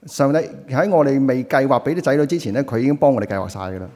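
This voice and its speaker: A man's voice: mid-range voice, animated, a little mellow. A man interpreting a sermon live into another language, in a plain, conversational way. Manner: quick, plain, conversational rendering. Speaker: church interpreter. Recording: reverberant church hall.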